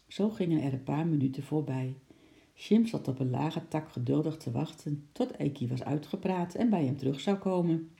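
A woman narrating a children's story in a gentle, expressive way. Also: low voice, creaky.

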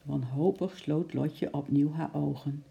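A woman with a low, dark voice narrates a storybook chapter. Her tone is gravelly and mellow, and she reads in a calm, measured way.

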